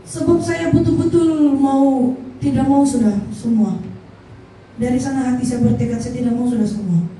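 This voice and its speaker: A woman giving a halting, earnest personal testimony at a church service, slowing down to stress her words. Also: sits high, mellow. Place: large echoey church hall. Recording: echoey hall from far off, faint noise.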